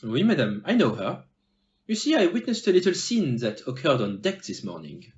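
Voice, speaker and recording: Acting in an amateur audio drama, a man plays a polite, shrewd, blunt Belgian detective, speaking at medium pitch with formal, measured, pointed phrasing and a lively, swinging melody. The sound is a little dull and muffled.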